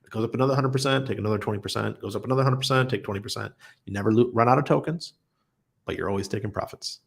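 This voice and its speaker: Racing through his words in a lowish, creaky, husky voice, a man hosts a laid-back livestream. He reads comments from viewers aloud and answers them bluntly and chattily, laughing often.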